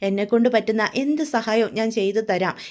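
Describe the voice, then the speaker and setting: A woman's voice: on the high side, quick pace, a little mellow, natural voice. A woman voicing a grieving, loyal older male worker who confides in a pleading way. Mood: tearful confiding.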